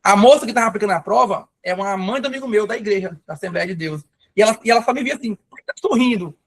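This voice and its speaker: High-voiced, chatty teacher. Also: male voice, racing. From Pará, Brazil. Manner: chatty, enthusiastic, storytelling asides. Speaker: math teacher for civil service exams. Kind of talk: live online class.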